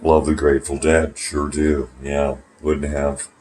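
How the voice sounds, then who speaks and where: A man's rumbling low, slightly mellow voice stays level and unhurried as he rambles casually to his phone camera. The vlogger swears and turns sarcastic from a small, warm home bathroom, with slight background noise.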